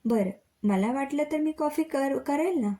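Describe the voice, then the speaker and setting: A woman's voice: sits high, unhurried, mellow, pitched above the performer's own voice. Woman reading as caring young student. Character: young female college student, hurried and caring.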